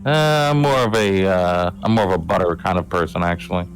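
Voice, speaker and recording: A man's voice: deep voice, a little fast, soft background music. A man in a casual group chat who makes goofy, absurd jokes.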